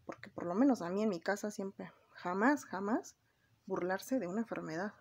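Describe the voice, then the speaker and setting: Young Mexican woman, breathy vlogger, chatty and confiding while doing makeup. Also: medium pitch, normal speed. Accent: Mexican Spanish. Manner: chatty, confiding, often calls viewers "my girls". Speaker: beauty vlogger.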